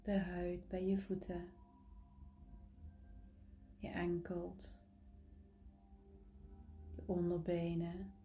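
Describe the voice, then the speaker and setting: A woman leading a guided relaxation meditation in a soft, breathy, partly whispery voice, close and intimate as if right in your ear, soothing with gentle pauses. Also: fairly low pitch, flat delivery, soft background music.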